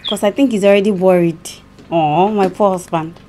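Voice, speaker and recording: A woman's voice: medium pitch, moderate pace, warm tone. A woman with a Nigerian accent chatting casually as a prank vlogger to viewers and family.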